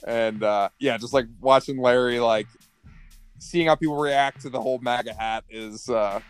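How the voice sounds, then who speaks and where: A man's voice: medium pitch, fairly even intonation, moderate pace, clean tone, no echo, soft background music. A young man co-hosting a podcast in casual chat, rambling and filling every sentence with "like". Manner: rambling, heavy use of "like", acts out party voices. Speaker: podcast co-host.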